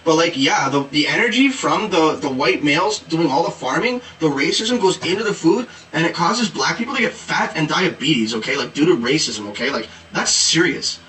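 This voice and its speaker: A man voicing a preachy, exasperated activist in valley-speak, dropping "like" into every phrase. The voice is fairly high and bright, bouncing up and down in pitch. It sounds roomy and a little distant from the mic. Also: expressive, normal speed, hardly any pauses, slight background noise. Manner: valley-speak with constant "like" and "duh", sarcastic. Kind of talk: satirical character monologue.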